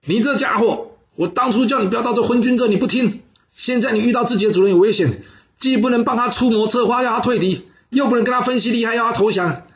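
A man's voice: very high-pitched, quick pace, echoey room, lo-fi sound, pitched above the performer's own voice. A man doing a furious old general. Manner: shouting, scolding. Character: furious old male general disowning his son.

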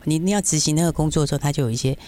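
A man's voice: fairly high pitch, very fast, mellow, a little hiss or hum. A man with a Taiwanese accent giving casual market commentary as a stock analyst, explaining things with frequent rhetorical check-in questions.

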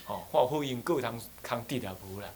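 A man's voice: medium pitch, lively intonation, brisk, darkish tone, husky. A man with a Taiwanese accent, an abbot giving a joking dharma lecture who often mimics people and slips into Taiwanese dialect. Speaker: Buddhist abbot.

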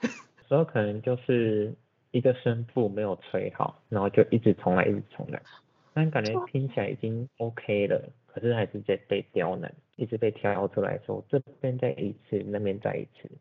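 Low, creaky-voiced young Taiwanese woman. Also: fairly quick, narrow, tinny audio. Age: young adult. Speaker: podcast guest. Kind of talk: casual chat.

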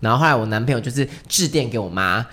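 Fast, animated man telling stories. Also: medium pitch, heavy background noise. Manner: lively, acts out family members' lines. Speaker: guest. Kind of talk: casual storytelling chat.

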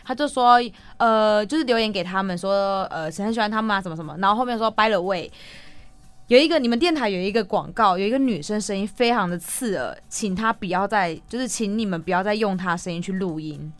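A woman's voice: medium pitch, a little fast, no echo. A woman radio host with a Taiwanese Mandarin accent, chatting casually and laughing often as she tells stories. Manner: laughs often, animated storytelling. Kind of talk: casual chat.

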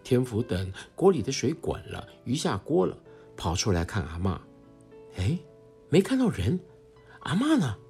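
Animated woman storyteller. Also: very deep voice, moderate pace, faint music behind. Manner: expressive, animated reading. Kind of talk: scripted children's story narration.

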